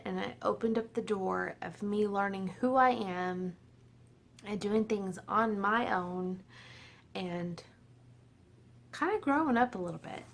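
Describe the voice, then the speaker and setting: A woman's voice: medium pitch, creaky, fairly bright tone, slight background noise. A woman in her forties chatting casually and a little tipsy to her viewers at home, laughing often. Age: 40s. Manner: chatty, laughing, self-deprecating. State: slightly tipsy. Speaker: vlogger. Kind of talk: casual tipsy chat to camera.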